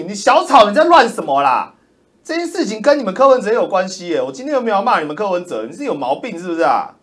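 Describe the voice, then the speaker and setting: A man, ranting loudly and mockingly as a political commentator on a livestream. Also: medium pitch. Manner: loud, roaring, mocking, insulting.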